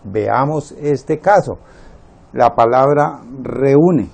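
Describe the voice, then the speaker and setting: Slow, gravelly man teaching syllables. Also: medium pitch, a little mellow. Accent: Latin American Spanish. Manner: slow, deliberate, spells out syllables and counts them. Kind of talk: slow spelling lesson, syllable by syllable.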